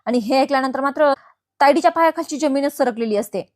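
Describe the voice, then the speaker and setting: A woman telling a TV serial's plot in a lively, chatty storytelling style, addressing listeners as friends. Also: high voice, fast talker. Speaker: TV serial recap narrator. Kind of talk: casual storytelling recap.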